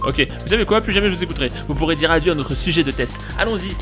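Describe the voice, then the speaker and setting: A man's voice: a little high, lively intonation, rapid-fire, close to an everyday voice. A man voicing a chatty, clumsy male robot sidekick in an eager, jumpy fan dub over game music.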